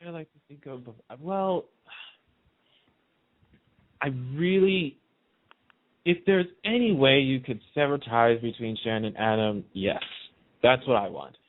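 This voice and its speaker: Heard through a muffled phone-like connection, a man of medium pitch takes his time, leaving long pauses. He's giving his opinions on a radio show, chatting casually and with emphasis about plots from TV soaps.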